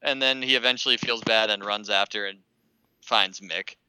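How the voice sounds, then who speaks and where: A man's voice: lowish voice, normal speed, noisy background. A man co-hosting a casual movie chat, joking and laughing often.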